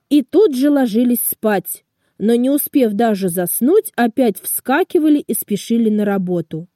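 A woman narrating a children's storybook aloud, slowly and expressively. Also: a little high, no room sound, clean studio sound. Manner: slow, expressive, lively. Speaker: storybook reader.

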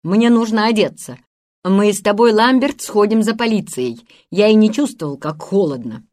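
A woman voicing a calm, commanding boy who leads his friends in a storybook reading. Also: medium pitch, moderate pace, lightly acted. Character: bold, calm boy captain.

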